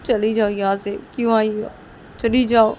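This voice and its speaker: A woman's voice: on the high side, little pitch movement, unhurried, a little mellow, a little hiss or hum, close to an everyday voice. A woman voicing a wounded, furious young woman. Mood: dismissive. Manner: tearful, repetitive, raises her voice.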